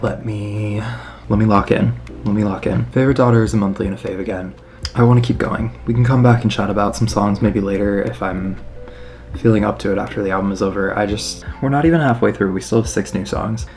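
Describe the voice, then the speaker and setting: A man giving casual, excitable reaction commentary on an album, emphatic and swearing freely. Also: on the low side, a little fast. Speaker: music reaction host. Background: faint music playing.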